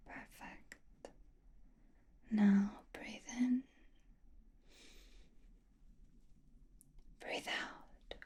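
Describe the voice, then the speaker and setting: A woman voicing a powerful, mysterious witch in a slow, breathy, intimate ASMR whisper, gently teasing and soothing. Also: medium pitch, slight background noise. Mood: soothing, coaxing.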